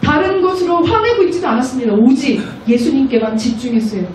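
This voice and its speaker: A high-voiced woman missionary preaching with lively energy, now and then slipping into children's voices. She sounds distant from the mic in a strongly echoing church hall, with faint room noise underneath. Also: fast talker. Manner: animated, acts out children's voices. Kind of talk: sermon at a prayer meeting. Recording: echoey room, mic far off.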